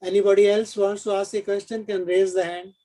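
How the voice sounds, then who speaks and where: A man's voice: high voice, level tone, a little fast, warm tone, a little hiss or hum. A man informally moderating an online conference session and adding comments.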